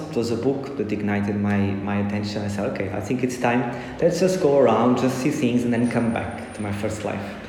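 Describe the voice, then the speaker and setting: A man from Portugal with a Portuguese accent, telling his life story as an interview guest in a halting way, full of restarts. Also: on the low side, warm tone. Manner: halting, many restarts and fillers. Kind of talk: casual storytelling. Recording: echoey hall with faint noise.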